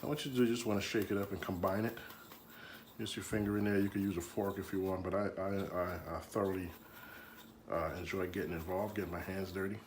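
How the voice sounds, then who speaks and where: This cooking show host, a Jamaican man, runs a home cooking demo in a chatty, jokey style packed with fillers, sometimes slipping into his Jamaican accent. His voice sits low with a steady tone and a fairly quick pace, in a reverberant space with slight background noise.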